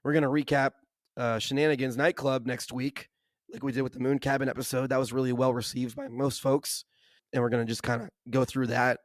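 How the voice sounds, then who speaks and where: A hoarse man with laryngitis, co-hosting a podcast in casual, enthusiastic chat full of "like" and "kinda". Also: medium pitch, dry recording, studio quality. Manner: enthusiastic, uses lots of "like" and "kinda". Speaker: podcast co-host.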